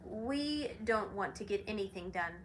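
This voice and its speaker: A woman's voice: medium pitch, lively intonation, a little slow, slight background noise, close to an everyday voice. A woman voicing lazy, sleepy little storybook creatures who boast about doing nothing, drowsy and dawdling. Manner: drowsy, dawdling, then panicky.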